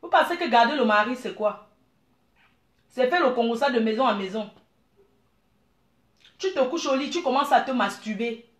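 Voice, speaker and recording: A middle-aged woman from Cameroon, giving blunt, animated advice and calling her listeners dear. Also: fairly high pitch, moderate pace, long pauses, echoey room. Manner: blunt, animated, calls listeners "maman" and "ma chérie". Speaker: business owner. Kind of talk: frank advice monologue.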